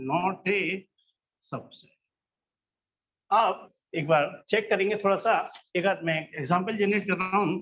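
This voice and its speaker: A man with a fairly high voice teaches a math class in a classroom, patiently coaxing answers and checking again and again that everyone has understood. The recording is somewhat dull and lo-fi, as if captured in the classroom itself. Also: a bit bright. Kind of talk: classroom lesson.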